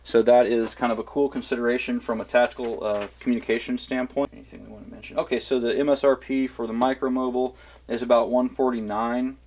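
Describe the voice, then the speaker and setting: Out in wooded hills, a Kansas City-area American man field tests and reviews gear, rambling casually with plenty of fillers and restarts. He speaks fast in a mid-range, slightly mellow voice with little pitch movement.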